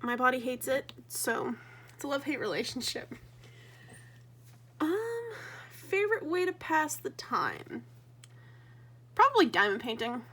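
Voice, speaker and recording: A woman's voice: high-pitched, a bit bright. A young adult woman from Colorado chatting casually while she crafts, hesitant and self-conscious, with many ums. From Colorado, USA. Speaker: crafting vlogger.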